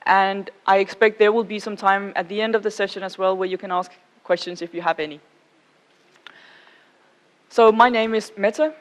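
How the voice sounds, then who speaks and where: A Danish woman with a Danish accent gives a conference talk in an informal, measured way, checking in with her audience now and then. Her pitch is medium and her intonation fairly even.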